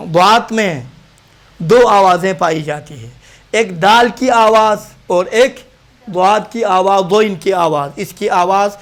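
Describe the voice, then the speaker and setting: Male recitation teacher with a Pakistani Urdu accent and a high voice. Drills single letters by repeating them, then explains them patiently. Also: a bit bright. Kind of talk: practical pronunciation lesson.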